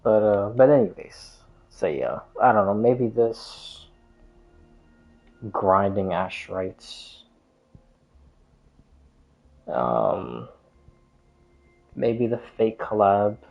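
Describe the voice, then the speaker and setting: A man livestreaming games chats casually, hesitant and meandering, repeating himself as he goes. His voice is lowish, animated and darkish, extremely slow and creaky, with long pauses, and faint music plays behind him. The stream audio sounds dull, muffled and lo-fi.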